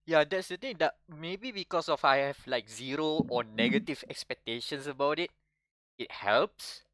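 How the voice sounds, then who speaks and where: A young man with a Malaysian English accent, co-hosting a casual podcast chat, rambling and animated with frequent restarts. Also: a little high, normal speed, no echo. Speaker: podcast co-host.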